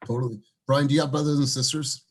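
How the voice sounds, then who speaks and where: A man's voice: medium pitch, fairly even intonation, fast. A man leading a casual team meeting over a video call, calling on people by name and encouraging them. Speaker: team leader. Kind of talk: casual group meeting chat.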